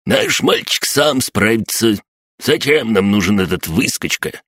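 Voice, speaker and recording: A man's voice: fairly low pitch, lively intonation, unhurried, a bit bright, no room sound, studio quality, pitched above the performer's own voice. A man voicing a cranky, threatening old man with a cane in an audiobook. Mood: angry. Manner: barking, threatening.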